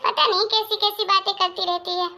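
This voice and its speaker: A doting older mother speaks in a soothing, indulgent way, voiced by a woman. The voice is very high and bright. It is a cartoon moral story. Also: flat delivery, brisk, full character voice. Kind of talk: Hindi moral story voice acting.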